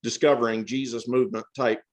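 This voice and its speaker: A man's voice: mid-range voice, level tone, fairly quick. An older man with an Appalachian accent, telling his story in a casual, folksy, self-deprecating way. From Tennessee and Georgia, United States. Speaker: interview guest, author.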